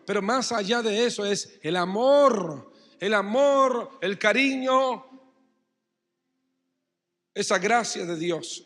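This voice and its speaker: A man's voice: high-pitched, a bit bright, long reverb tail. A man preaching a sermon as pastor with an Argentine Spanish accent, acting out quotes and building emphasis. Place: church hall.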